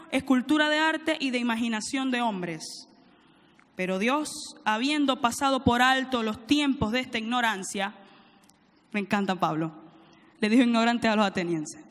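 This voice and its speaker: A woman's voice: high voice, big-room sound. A woman preaching a sermon, reading scripture aloud and prompting the congregation to call back answers. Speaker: preacher, church teaching director.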